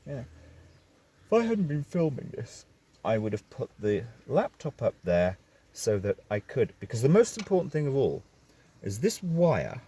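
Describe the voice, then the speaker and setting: A man's voice: medium pitch, huge pitch swings, normal speed, dark tone, breathy edge. A man talking into his phone camera from a parked vehicle, rambling and going off on digressions in a casual vlog. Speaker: vlogger.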